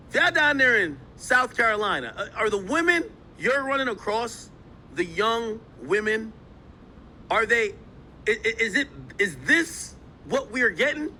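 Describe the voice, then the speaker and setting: Animated, bright-voiced male streamer. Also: high voice, slight background noise. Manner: animated, emphatic, addresses chat directly. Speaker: streamer reacting to clips. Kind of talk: live stream commentary. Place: New York.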